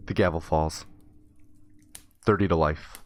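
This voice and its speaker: Low-pitched man, casual profane storyteller, faint keyboard clicks under him. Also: fairly even intonation, unhurried, background noise. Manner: loose, profane, rambling with fillers. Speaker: streamer.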